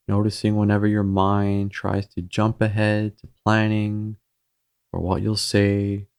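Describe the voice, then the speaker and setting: In a low voice with marked creakiness, a man leads a meditation. Short phrases are separated by pauses, and his gentle, measured delivery keeps a fairly even intonation that comes across as steady and soothing.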